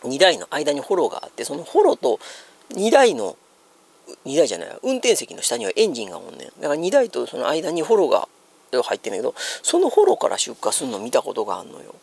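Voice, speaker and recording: Husky, lively Japanese man with Kansai accent. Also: on the high side, fast talker. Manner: explanatory, thinking aloud in colloquial dialect. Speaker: solo streamer commenting on news. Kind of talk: casual chat commentary on news. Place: small room at home, seated on a sofa.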